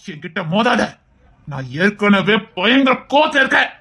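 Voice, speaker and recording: A performer plays a boastful young male villain who barks threats at his rivals. He speaks with a Tirunelveli Tamil accent in a bright, sharp-edged voice. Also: medium pitch, very animated, normal speed, heavily acted. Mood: threatening. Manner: blustering threats. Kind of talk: family skit acting.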